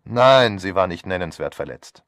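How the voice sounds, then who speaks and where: A man's voice: low voice, lively intonation, normal speed, a bit bright, no room sound. A man voicing a glib, sardonic young man. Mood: flippant. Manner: breezy, sardonic. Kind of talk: audiobook character voice.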